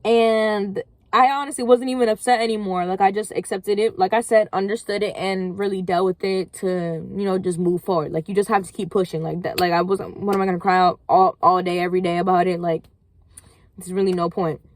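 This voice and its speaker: A young woman vlogger speaks a little fast at medium pitch with fairly even intonation, and the recording is dry. Her casual motivational talk rambles along encouragingly, full of "like."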